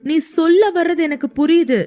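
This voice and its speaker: A woman's voice: very high voice, normal speed, warm tone, pitched above the performer's own voice. A woman voicing a young husband in an audio story, who teases and pleads with his wife and turns stern when pushed. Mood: teasing.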